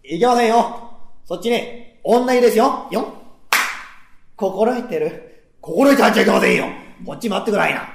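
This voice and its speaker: A man voicing a brisk middle-aged bathhouse owner in a rakugo story, with a firm, lecturing manner. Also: sits high, expressive, vocal fry, reverberant. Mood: warning.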